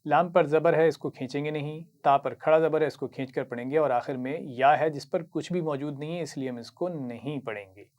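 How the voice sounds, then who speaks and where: A man's voice: on the high side, darkish tone. Patient Urdu-accented male Quran teacher. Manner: patient, praising, recites words slowly and drawn out. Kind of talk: slow instructional lesson.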